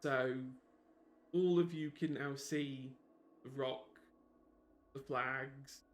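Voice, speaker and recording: A man acting as game master for a tabletop game, narrating slowly with many pauses. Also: medium pitch, steady tone, a little hiss or hum. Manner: slow, halting narration with pauses.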